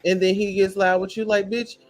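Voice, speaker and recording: A man's voice: high voice, monotone, brisk, faint music behind. A man ranting in a blunt, profane, preachy commentary reacting to a show.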